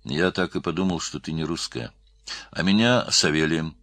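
A man's voice: rumbling low, moderate pace, a bit bright, no echo. A man playing a wry, teasing middle-aged artist in an audiobook. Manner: teasing, dry.

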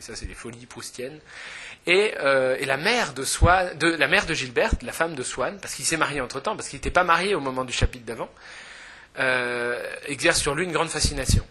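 A man talks through a novel's plot in a loose, chatty way. He hesitates often, corrects himself mid-sentence, and sounds amused. His voice is bright and clear-toned. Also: medium pitch. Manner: hesitant, full of fillers and self-corrections. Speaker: book reviewer. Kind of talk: casual spoken book summary.

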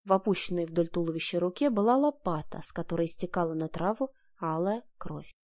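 A woman's voice: on the low side, brisk, darkish tone. A woman narrating a first-person audiobook in a dramatic, emotional reading.

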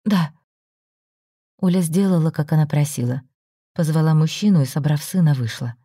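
A woman narrating a story for an audiobook in a steady, even manner. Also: low voice, brisk, husky, dry recording, clean studio sound.

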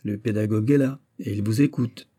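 A man's voice: fairly low pitch, warm tone, slightly rough. A man voicing a dignified young nobleman who answers insults coldly and sternly. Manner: cold, measured, stern.

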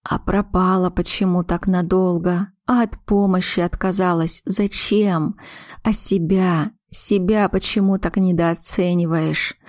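Woman voicing older mother, stern, sharp-tongued, slow blunt delivery, low voice. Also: no echo, clean studio sound.

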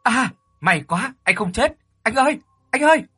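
A man voicing a timid young boy, the scared younger brother, in a narrated ghost story, speaking in a high pleading voice. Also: animated, fairly quick, bright, forceful tone, breathy edge. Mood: relieved, plain.

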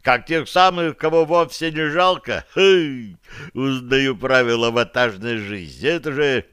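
A man's voice: mid-range voice, a little slow, a bit bright, smooth, dry recording, studio quality, close to an everyday voice. A man voicing a hulking, sardonic male bruiser who grumbles his sarcastic remarks.

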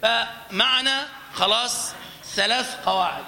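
A man giving a religious lesson, explaining slowly and singing drawn-out example phrases. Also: very high-pitched, creaky, pushed and bright, big-room sound. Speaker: teacher of call to prayer pronunciation.

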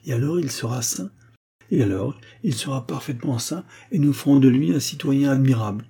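Storybook role: smug elderly blind healer, lecturing, husky and dark as a male reader does him. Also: medium pitch, animated, brisk, voice pushed up. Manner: self-assured, lecturing. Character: pompous old blind village doctor.

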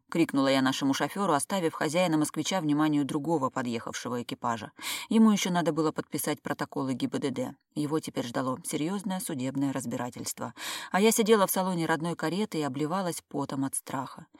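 A woman reading a first-person novel aloud in a steady, tense storytelling manner. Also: low voice, no room sound, studio quality. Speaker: audiobook reader.

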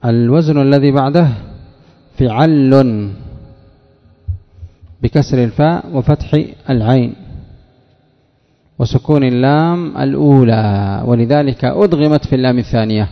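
Middle-aged man, grammar teacher, classroom lesson, calls on students by name, slow careful spelling-out, long hall reverb, muffled lo-fi sound. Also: medium pitch. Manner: quizzes students by name, spells out patterns slowly.

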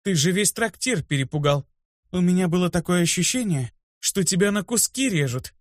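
A bossy, worried young healer woman who fires off questions and scolds. A man acts her out, raising his voice high, with a close, dry studio sound. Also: expressive, no room sound. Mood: teasing. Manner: scolding, fussing, quick questions.

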